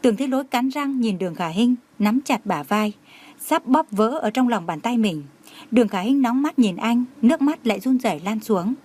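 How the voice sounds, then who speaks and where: A woman reading a romance novel aloud in steady, even storytelling. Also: on the high side, normal speed, slightly rough. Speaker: narrator.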